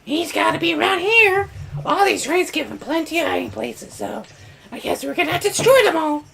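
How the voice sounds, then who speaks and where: Excitable kid game hero: very high, creaky, swooping, with some background noise. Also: male voice, brisk, full character voice. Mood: earnest.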